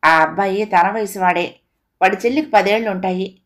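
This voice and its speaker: Lady reading a kids' story out loud, steady and expressive, storyteller vibe. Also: mid-range voice, normal speed. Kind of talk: children's story narration.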